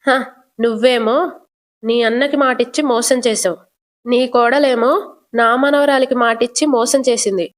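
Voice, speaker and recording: A woman's voice: on the high side, close to an everyday voice. Woman voicing a scornful older aunt. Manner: taunting, accusing, scornful. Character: sharp-tongued scolding older aunt, woman.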